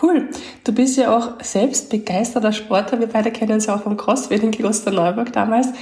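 A woman's voice: a little high, fairly even intonation, moderate pace, darkish tone. A woman hosting a fitness podcast, asking a guest questions in a chatty, friendly way. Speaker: podcast host. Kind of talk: podcast interview.

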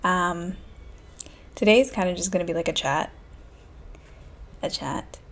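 A woman in her twenties hosts a solo podcast from a room in a small house, speaking low and hushed at a measured pace. The chat is candid, casual and profane, with faint classical music in the background.

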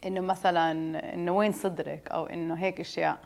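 A woman's voice: lowish voice, fairly even intonation, racing, gravelly, a little mellow, a little hiss or hum. A woman with a Jordanian Arabic accent who mixes in English phrases, answering interview questions casually in a candid, self-assured way. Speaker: interview guest, detox juice business owner.

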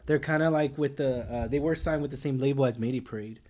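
A young man joins a casual chat. He halts and restarts as he searches for his words. His pitch sits mid-range. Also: over a noisy crowd. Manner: halting, restarts often.

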